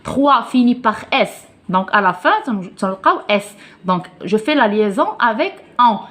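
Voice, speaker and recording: A Moroccan woman, a native Arabic speaker with a Moroccan accent, teaches a French lesson at an unhurried pace. Her pitch sits in the middle range for a woman. She walks through each example slowly and repeats it, checking often that her students are following. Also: expressive, a bit bright. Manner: patient, repeats examples and asks "d'accord?" often.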